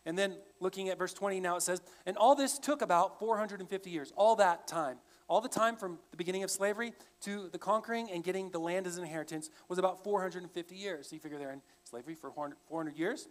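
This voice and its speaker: A man's voice: high-pitched, fast talker, few pauses. A male pastor preaching a sermon in a conversational, explaining way. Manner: conversational, with frequent restarts. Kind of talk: expository sermon.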